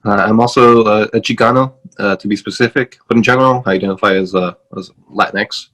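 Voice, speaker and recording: A man's voice: fairly low pitch, steady tone, a little fast, a bit bright, rough recording. A man from Los Angeles, a guest on a podcast, talking casually over a video call and rambling with many fillers and restarts. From Los Angeles, USA.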